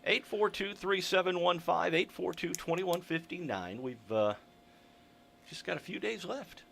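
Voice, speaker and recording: A male local radio host with a creaky, gravelly voice that sits a little high. He chats casually and rambles in a folksy, dryly joking way. There is faint noise behind him. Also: lively intonation, a little slow, a bit bright. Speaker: local radio host running a call-in contest. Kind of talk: casual live radio chat. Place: radio studio.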